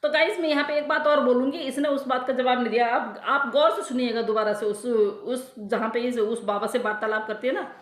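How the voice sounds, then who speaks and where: A woman's voice: fairly high pitch, steady tone, brisk, echoey room. A woman vlogger ranting to her viewers in scornful, insulting commentary that keeps circling back on itself. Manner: scornful, insulting, repeats herself.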